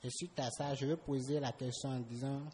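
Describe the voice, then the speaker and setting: A man in a church seminar audience haltingly telling a case and asking a question. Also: mid-range voice, steady tone, mellow, a little hiss or hum. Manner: hesitant, many fillers and restarts.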